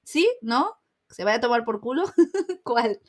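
A woman's voice: a little high, lively intonation, slow. A young woman co-hosting a podcast, joking around in slangy casual chat. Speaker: podcast co-host.

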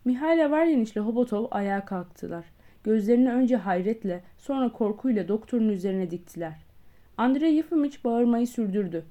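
Woman, audiobook narrator, measured, mellow tone. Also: fairly high pitch, expressive, muffled recording. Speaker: audiobook reader. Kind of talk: scripted literary narration.

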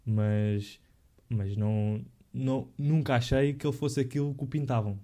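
A young man speaks European Portuguese in a casual podcast chat. His voice is extremely dark and mellow, with a middle pitch. He talks loosely in slang, with hesitations and restarts. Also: fairly even intonation, moderate pace.

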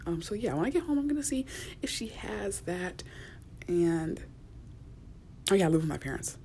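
A young woman hosting her own podcast, chatting in a soft, rambling way with many fillers and restarts, sometimes dropping to a whisper. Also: on the low side, sing-song, normal speed, slight background noise. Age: young adult. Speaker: podcast host. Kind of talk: casual solo podcast rambling. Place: small enclosed room at work.

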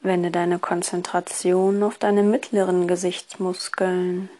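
Woman doing guided relaxation, soft slow hypnotist voice, kinda low, soothing. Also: flat delivery. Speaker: relaxation course instructor. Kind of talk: guided relaxation, scripted instruction.

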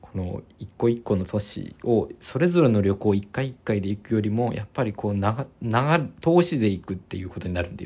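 Male solo podcast host, low raspy voice, easygoing meandering talk. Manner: relaxed, rambling, many fillers and restarts.

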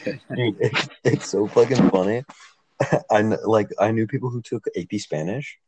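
A man's voice: on the low side, normal speed, darkish tone, slight background noise, low-quality recording. A young man co-hosting a casual podcast, telling stories animatedly and swearing freely. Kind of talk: casual chat.

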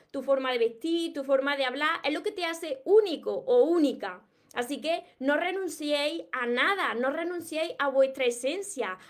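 High-voiced Andalusian woman, earnest. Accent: Andalusian (Córdoba). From Córdoba, Andalusia, Spain. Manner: earnest, repetitive, addresses viewers directly. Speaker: self-help live streamer. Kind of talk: motivational live stream talk.

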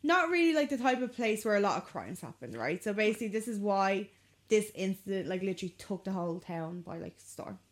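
A young woman co-hosts a true-crime podcast in a loose, chatty style. She tells the case as a story and peppers it with "like". Her voice sits at an ordinary mid pitch for a woman. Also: big pitch swings, fairly quick. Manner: chatty storytelling, leans on the word "like". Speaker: podcast co-host.

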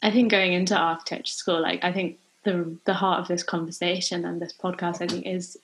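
A young woman hosts a relaxed podcast chat in a fairly low voice. She talks in a loose, friendly way, filling her sentences with "like" and laughing easily. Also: a little fast, slight background noise. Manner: chatty, many "like" fillers, laughs easily. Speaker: podcast host.

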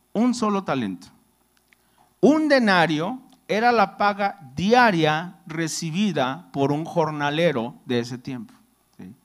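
A man preaching a sermon. He reads a scripture passage, then explains it in a conversational way and keeps checking that his listeners follow. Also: sits high.

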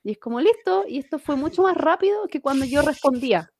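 A Chilean woman in her late twenties telling stories in a casual chat, animated and slangy. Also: high-pitched, brisk, dry recording. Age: 20s.

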